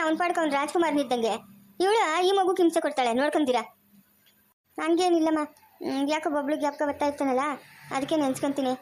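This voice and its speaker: A woman acting in a homemade family drama with a Chikkaballapur Kannada accent, scolding in fast village talk. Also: high voice, a little mellow.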